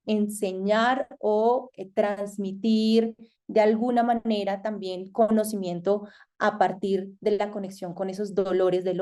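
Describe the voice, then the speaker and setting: Colombian woman lecturer, soft mellow tone, measured and hesitant delivery, frequent pauses. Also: medium pitch. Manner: thoughtful, hesitant with frequent fillers. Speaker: masterclass lecturer. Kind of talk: online lecture.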